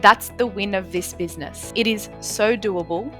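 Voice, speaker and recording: A woman's voice: medium pitch, moderate pace, a bit bright, faint music behind. A woman, telling her story as a podcast guest, earnest and fluent with many "you know" fillers. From Australia (born in Lebanon). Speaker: guest, lawyer and Airbnb host.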